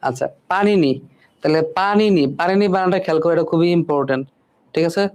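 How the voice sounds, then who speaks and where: A male teacher walks students through a spelling lesson. His voice is mellow and dark in tone and pitched a little high for a man. He repeats each word several times and keeps checking in with his listeners. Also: quick pace. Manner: repeats words and keeps asking "ঠিক আছে?".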